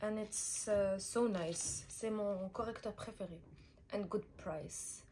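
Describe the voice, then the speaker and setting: A woman's voice: mid-range voice, fairly even intonation, takes it slowly, darkish tone, a little hiss or hum. A young woman chatting casually through a shopping haul vlog and mixing languages as she talks. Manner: chatty, switching between languages mid-sentence. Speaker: vlogger.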